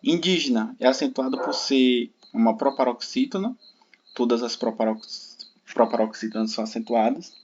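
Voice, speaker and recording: A man's voice: mid-range voice, normal speed, husky. A Brazilian man teaching an online exam-prep grammar lesson in a patient, explaining way, often checking in with his students. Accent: Brazilian Portuguese. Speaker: Portuguese teacher. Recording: dull lo-fi sound with steady background noise.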